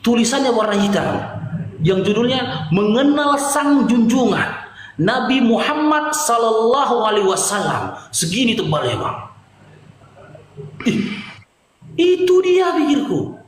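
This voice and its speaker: A man telling his own life story to friends in conversation, animated and emotional, swinging from loud bursts to hushed asides. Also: high-pitched. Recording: echoey hall with long reverb.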